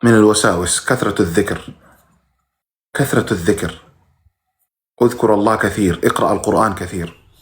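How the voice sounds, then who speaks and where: A man's voice: on the low side, fairly quick, pauses often. A man who teaches religion, reading viewers' questions aloud during a live stream and giving brief, plain answers with sudden emphatic rises.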